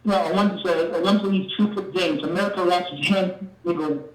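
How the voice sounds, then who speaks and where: A man calling in to a live show, his voice muffled as if heard through a door, talking in halting bursts with restarts. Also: high voice, steady tone, slight background noise. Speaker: caller. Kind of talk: call-in comments. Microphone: phone line. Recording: muffled phone call from far off with echo.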